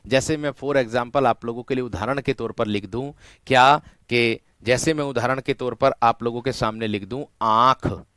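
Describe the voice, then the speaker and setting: Man, teacher, slow paced, drawn-out repetition, smooth clear voice, dry close sound. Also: mid-range voice, fairly bright tone, dry recording. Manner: repetitive, drawn-out stressing of key words; often addresses students as "my friend". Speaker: Hindi teacher for exam prep. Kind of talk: online class lecture.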